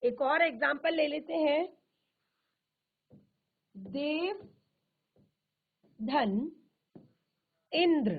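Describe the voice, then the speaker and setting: Brief: woman teacher, high voice, very slow and deliberate, repeats each term, narrow phone-like sound. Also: lively intonation. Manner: repeats terms and asks herself questions. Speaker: Hindi teacher. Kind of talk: slow classroom explanation. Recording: tinny phone-like virtual classroom audio.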